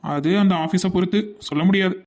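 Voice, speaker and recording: Someone voicing a cheeky young brother. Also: male voice, high-pitched, steady tone, fast, darkish tone. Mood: breezy. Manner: playful and teasing. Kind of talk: Tamil cartoon dubbing.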